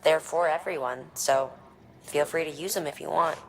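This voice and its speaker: A woman voicing a calm female mission support contact in a video game, speaking in a steady, explanatory way over a game radio transmission. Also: low-pitched, normal speed, over music. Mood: reassuring.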